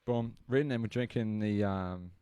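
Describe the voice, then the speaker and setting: A man's voice: lowish voice, a little slow, mellow, smooth, no room sound. A young Australian man telling a rambling, crude story in casual podcast chat, laughing as he goes.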